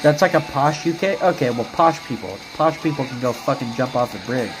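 A man's voice: mid-range voice, fairly quick, poor audio. A man chatting on a game stream, rambling and cursing as he answers his chat. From United States. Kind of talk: casual live-stream chat while gaming. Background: music.

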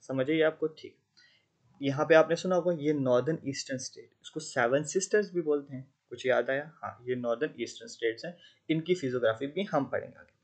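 A man's voice: medium pitch, a little fast. A man teaching an exam-prep geography lecture, often checking whether students follow. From Jammu and Kashmir. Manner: conversational Hindi teaching with English terms, frequent checking questions.

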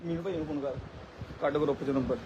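A man's voice: on the high side, steady tone, quick pace, a little mellow, muffled recording. A young man, pleading and protesting to police as he streams live on his phone outside his house. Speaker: local party worker being detained. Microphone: phone held in hand.

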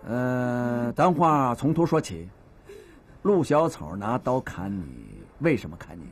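A man's voice: mid-range voice, sing-song, takes it slowly. An actor in his fifties playing a patient, fatherly neighborhood police officer with a Beijing accent, lecturing and mediating a quarrel in a TV drama. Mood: stern. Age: 50s. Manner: patient, lecturing mediator who scolds and coaxes. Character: seasoned middle-aged male beat cop, stern yet fatherly. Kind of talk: TV drama acting.

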